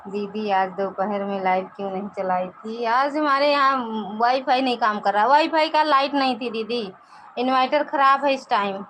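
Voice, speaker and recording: Brief: woman, Awadhi accent, fairly high voice, chatty live-stream host who teases her viewers. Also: moderate pace, a bit bright, a little hiss or hum, low-quality recording. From Pratapgarh, Uttar Pradesh, India. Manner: chatty, reads viewer comments aloud, teasing. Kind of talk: casual live-stream chat.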